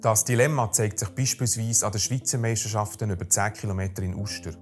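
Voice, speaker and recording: Calm Swiss German-accented documentary narrator. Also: male voice, fairly low pitch, brisk, soft background music.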